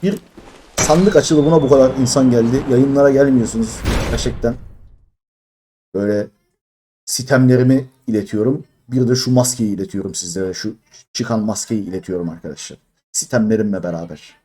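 A man in his thirties from Turkey, streaming a mobile game and complaining in exasperation as he opens crates, jumping between loud high outbursts and low mutters. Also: normal speed, husky. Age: 30s. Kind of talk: live-stream crate-opening commentary.

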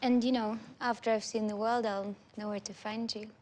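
A woman's voice: a little high, flat delivery, moderate pace, darkish tone, slight background noise, natural voice. An actress playing a wistful young woman in a naturally spoken film drama role. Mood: wistful, tender. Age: young adult. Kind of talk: film acting.

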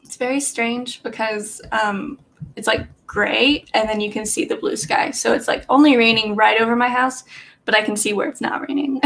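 A young adult woman hosts a livestream from a small indoor bedroom with a bookshelf, casually chatting with and reading from her live chat while rambling through lots of fillers and nervous laughs. Her fairly high, gravelly voice holds a steady tone at normal speed and sounds fairly bright. A desk webcam captures the audio.

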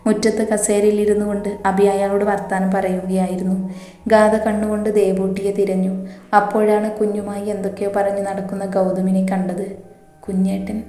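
A woman narrating a romance story in a soft, even, unhurried way. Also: mid-range voice. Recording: echoey room, faint music behind.

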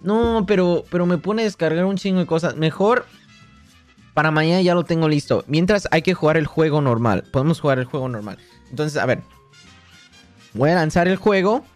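A man's voice: on the high side, moderate pace, soft background music. A young man with a Mexican accent, livestreaming a game in a boastful, joking way, swearing constantly. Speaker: streamer. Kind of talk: casual gaming livestream.

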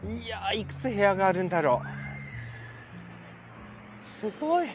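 A middle-aged vlogger with a high-sitting, very animated voice narrates a casual walking tour through city streets and a park at a moderate pace, with music in the background. Chatty, polite and enthusiastic, he speaks into a handheld wide-angle camera.

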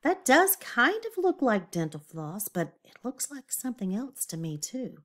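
A children's teacher reads a picture book aloud to little ones, full of expression, stressing words and slipping in confiding asides and questions. Her voice is a little high, bright, sing-song, and a little slow.

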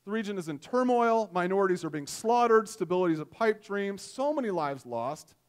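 A man's voice: sits high, expressive, fairly quick. A man in his forties, a pastor, preaching a sermon on a church stage into a headset mic, in a conversational, self-deprecating storytelling way.

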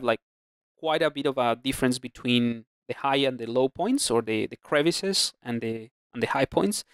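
A man narrating a screen-recorded 3D sculpting tutorial, talking through his brushes in a relaxed way with plenty of fillers and restarts. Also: mid-range voice, clear, resonant tone, no echo, studio quality. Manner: relaxed, thinking aloud with many fillers and restarts. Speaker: ZBrush instructor. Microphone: close mic, voice-over on screen capture.

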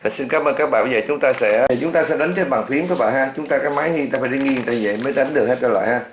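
A man's voice: mid-range voice, rapid-fire, slight background noise. A man teaching a beginner organ lesson, patiently counting beats and chanting note names. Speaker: music teacher. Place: music classroom indoors. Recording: echoey room with organ playing.

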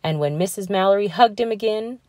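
A woman reading a children's picture book aloud in a measured, expressive storytelling manner. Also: mid-range voice, no echo, clean studio sound. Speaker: read-aloud narrator.

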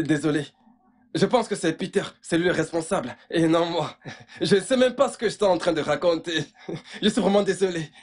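A man doing a flustered giggling house servant. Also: sits high. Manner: giggly, flustered, later wailing and mocking. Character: bumbling joking male house servant, loud and excitable. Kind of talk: dubbed film acting.

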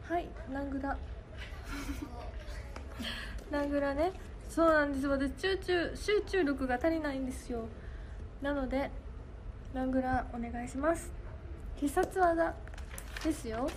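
A woman's voice: high-pitched, a little slow, long pauses. A young woman with a Kansai accent hosting a casual idol livestream, often breaking into laughing fits. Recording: noisy livestream audio.

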